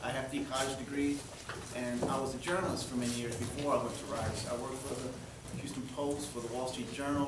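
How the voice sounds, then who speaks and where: A man in his fifties from Texas, hosting and introducing a presentation to an audience in a friendly, joking way, sometimes repeating words. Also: medium pitch. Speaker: event host and presenter. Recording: echoey hall from far off, with noise.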